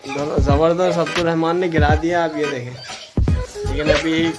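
A man's voice: on the high side, fairly even intonation, moderate pace, loud music behind the voice. Chatty man calling a play fight. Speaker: vlogger host. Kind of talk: casual commentary on kids' game.

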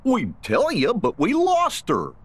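Goofy, a husky, bouncy cartoon sidekick. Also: male voice, high voice, huge pitch swings, slow pace, no room sound, exaggerated voice. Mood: easygoing. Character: goofy, good-natured cartoon sidekick, male.

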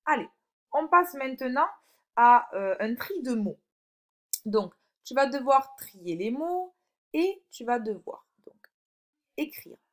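A woman teacher records a phonics lesson for a young child at home. Her voice sits a touch high, and she speaks slowly and deliberately. She draws out each example word and keeps checking that the child follows. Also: very animated, a bit bright. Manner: slow and deliberate, stretches out example words; addresses the child directly, checks in with "d'accord?". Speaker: primary school teacher.

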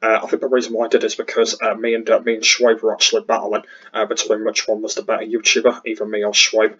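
Croaky, flat-pitched young-sounding YouTuber man. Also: fast talker, muffled recording. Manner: hesitant, repetitive. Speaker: YouTuber host. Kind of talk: casual reaction commentary.

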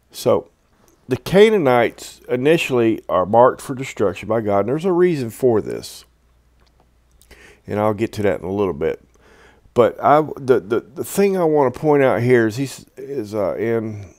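A man teaching from the Bible in a conversational, halting way, reading long passages aloud and explaining them with fillers and restarts. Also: fairly low pitch, sing-song, a little mellow, no room sound, clean studio sound.

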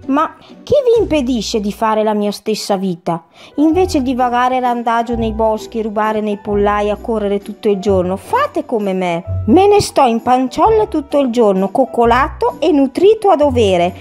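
A woman's voice: fairly high pitch, sing-song, a little slow, darkish tone, faint music behind. A woman voicing a boastful, well-fed male dog in a storybook fable, smug and lazy.

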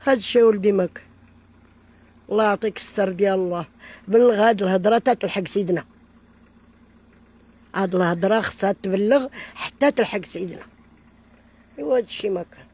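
A woman's voice: mid-range voice, quick pace, long pauses, darkish tone, breathy edge. An older woman with a Moroccan Arabic accent, pleading for help in an interview and calling on God often, recorded in an outdoor tent on a handheld mic. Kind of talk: pleading casual talk.

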